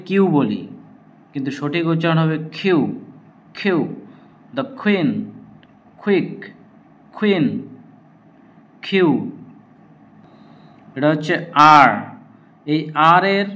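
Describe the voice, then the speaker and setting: A man teaching English letter pronunciation in a slow, patient way, repeating each letter. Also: a little high, bright, forceful tone. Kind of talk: slow spoken lesson.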